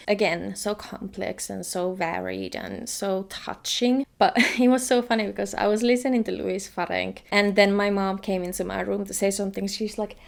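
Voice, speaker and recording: A young Finnish woman with a Finnish accent chats casually in her vlog, laughing often. Her voice is medium in pitch with some vocal fry.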